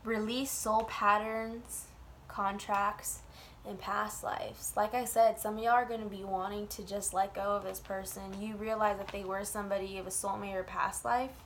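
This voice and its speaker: A woman's voice: mid-range voice, flat delivery, normal speed, a little hiss or hum. A woman reading tarot in an informal, chatty way, with blunt, colloquial phrasing and frequent swearing. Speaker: tarot reader.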